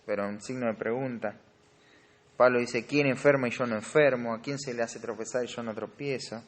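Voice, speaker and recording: A man's voice: medium pitch, fairly even intonation, moderate pace. A man with a Rioplatense Spanish accent teaching a Bible study class on grammar, explaining step by step and quizzing his students. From Argentina. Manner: explanatory, asks the class questions.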